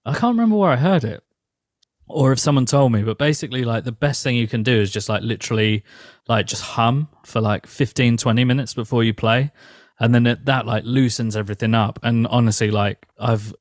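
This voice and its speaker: Talking a little fast in a mid-range voice, a young man who fronts a metal band rambles through a relaxed interview chat as a guest. "Like" comes up again and again, he laughs readily, and the clean studio recording has no room sound.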